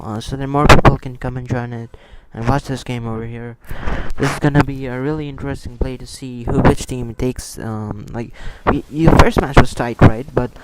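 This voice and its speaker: On a close microphone with heavy background noise, an esports livestream host and commentator talks through matches in a mid-range voice. English is not his native language, and his first language is not Hindi. He chats casually and rambles, repeating himself and responding to chat along the way.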